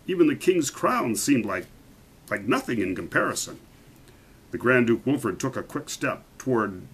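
A man reading a picture book aloud to children, animated and stopping to point out the pictures. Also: medium pitch, slightly rough, low-quality recording.

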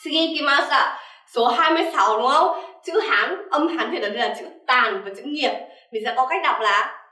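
A young woman teaching Japanese vocabulary calls herself sensei and keeps checking with "right?". Her voice sits high and sounds sharp, and she talks fairly quickly. She is far from the mic, off-mic in a room full of echo.

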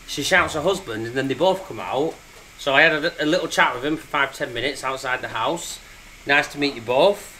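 A man's voice: medium pitch, a little fast, sharp tone, slight background noise, low-quality recording. A man hosting a casual vlog from his scrapyard, teasing his workmates and laughing often. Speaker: scrapyard owner vlogger. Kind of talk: casual jokey vlog chat. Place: car breakers' yard workshop.

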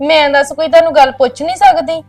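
An actress playing a young wife who speaks to her husband in a soft, coaxing, pleading way. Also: high voice, fairly even intonation, quick pace, no room sound, soft background music, close to an everyday voice. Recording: distant from mic.

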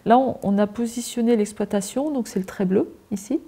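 A woman's voice: mid-range voice, a little fast, noisy background. A woman, a farm adviser explaining audit results methodically at a farmhouse kitchen table, with many fillers.

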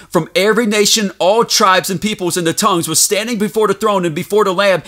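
A man preaching a fervent sermon, reading scripture aloud and rising to shouts as he rebukes his listeners. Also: high voice.

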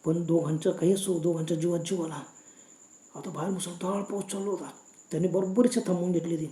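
A woman's voice: fairly low pitch, fairly even intonation, fast talker, warm tone, echoey room. A woman narrating a horror story in a dramatic storytelling manner.

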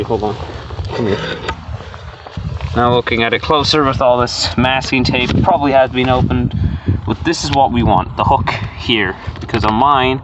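A young man in a casual repair vlog, swearing freely and making sarcastic, rambling asides while he works on a car door. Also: mid-range voice. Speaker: vlogger. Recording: dull lo-fi with loud background noise.

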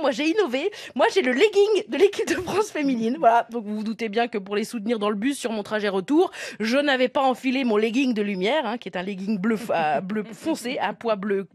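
High-voiced woman telling a comic radio column. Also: dry recording, studio quality. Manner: lively storytelling, bursts of laughter. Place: radio studio.

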